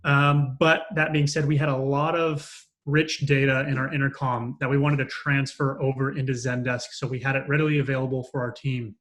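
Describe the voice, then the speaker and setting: In his role as an operations manager, a man gives a spontaneous customer testimonial, with many pauses breaking up his sentences. He speaks at a medium pitch in a level, fairly bright tone.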